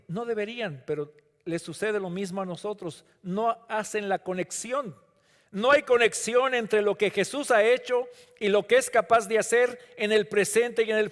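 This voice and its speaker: A man preaching a sermon as pastor with a Latin American Spanish accent, swinging between hushed drawn-out lines and rising emphatic calls. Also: high-pitched. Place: church sanctuary. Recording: long hall reverb.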